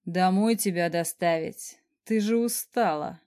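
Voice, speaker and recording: A woman voicing a smug, teasing young male boss who speaks in a husky, rumbling drawl. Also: slow. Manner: drawling, mock-gentle.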